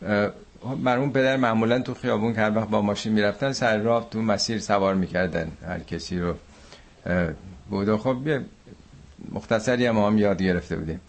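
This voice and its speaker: Low-voiced man teaching Quran commentary. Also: creaky. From Iran. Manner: recites Arabic verses slowly, explains in colloquial speech.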